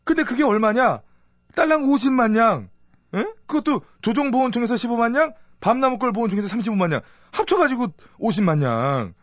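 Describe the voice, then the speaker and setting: Radio sketch: male actor as a whiny, henpecked period gentleman, high and very animated, dry lo-fi sound. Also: a little fast, no echo, full character voice. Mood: grumbling. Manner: grumbling, exaggerated sighs and complaints. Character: henpecked, self-pitying Joseon-era gentleman, middle-aged. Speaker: radio comedy host. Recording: dry, dull broadcast audio.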